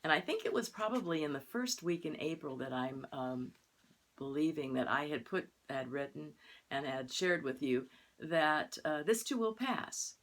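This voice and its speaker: Low-voiced older woman minister telling stories. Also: moderate pace. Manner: chatty storytelling, lively quoted voices. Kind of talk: sermon.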